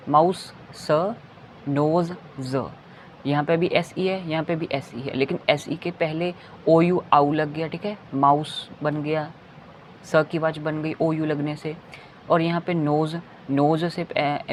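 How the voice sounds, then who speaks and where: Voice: mid-range voice, slight background noise. A phonics teacher giving a kindergarten lesson, spelling out letters one by one and repeating each word. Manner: says "theek hai" between points.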